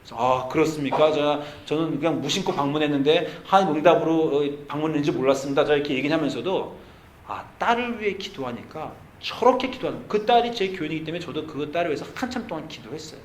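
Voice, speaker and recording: Korean pastor guy preaching, goes quiet then loud and pleading, roomy echo. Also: a little high, expressive, a little hiss or hum. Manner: swings from hushed, slowed storytelling to loud pleading. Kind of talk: sermon. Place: church sanctuary. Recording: echoey church sanctuary.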